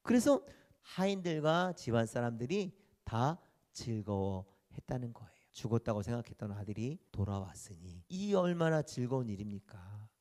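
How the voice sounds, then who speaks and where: A man's voice: medium pitch, animated, moderate pace, a little mellow. A male pastor preaching a sermon, telling a story and acting out the characters' voices, asking the congregation questions and answering them himself.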